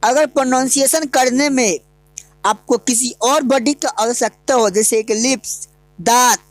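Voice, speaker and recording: A woman's voice: fairly high pitch, unhurried, no echo. A woman teaching English grammar in an online lesson, asking the class questions and answering them herself.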